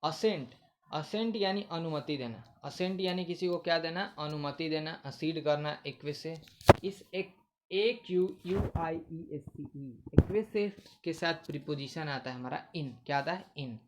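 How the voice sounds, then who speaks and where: A man's voice: on the high side, fairly bright tone. Man teaching vocabulary, repetitive. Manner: repetitive, asks questions then answers them. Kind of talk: casual Hindi vocabulary lesson.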